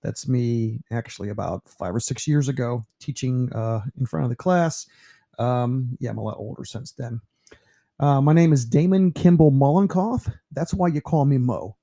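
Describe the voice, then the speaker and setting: A man of about fifty from New York, a teacher narrating a slideshow about himself in a relaxed, rambling way with lots of fillers. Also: mid-range voice, normal speed, creaky. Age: 50s.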